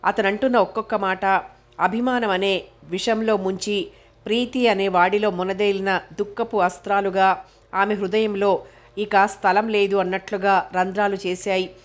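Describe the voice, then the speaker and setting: A woman's voice: mid-range voice, fairly even intonation, normal speed. Woman reading a novel aloud. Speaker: audiobook narrator.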